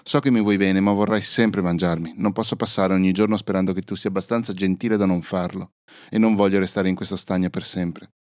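A man voicing a gentle male water spider in a storybook, speaking softly and kindly. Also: low voice, steady tone, dry recording, studio quality, close to an everyday voice. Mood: sad. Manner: soft, kindly, unhurried.

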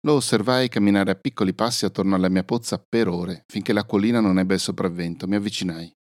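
A man narrating a fairy-tale story in a calm, even storytelling manner. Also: low-pitched, fast, no room sound, studio quality. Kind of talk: scripted first-person narration.

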